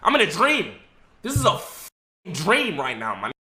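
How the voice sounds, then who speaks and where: A man's voice: fairly high pitch, huge pitch swings, normal speed, noisy background. A man telling a story in an emotional, casual way, stammering, repeating words and swearing.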